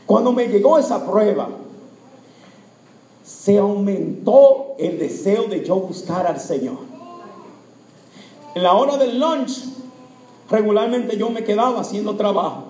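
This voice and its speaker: A man's voice: sits high, expressive, measured pace, long pauses, mellow, roomy sound. A man preaching a sermon testimony, speaking emphatically and putting questions to the congregation.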